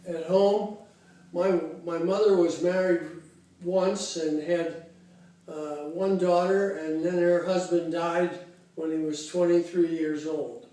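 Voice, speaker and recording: Slow, mellow-voiced man in his eighties. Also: a little high, steady tone. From Cincinnati, Ohio, USA. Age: 80s. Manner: unhurried, halting, reminiscing with many fillers. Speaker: interviewee. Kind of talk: casual oral history interview. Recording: very echoey room, voice far from the mic.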